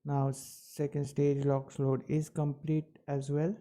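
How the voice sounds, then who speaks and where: A man giving live technical commentary as a launch webcast host, with halting, measured phrasing. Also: on the high side, completely flat delivery, warm tone.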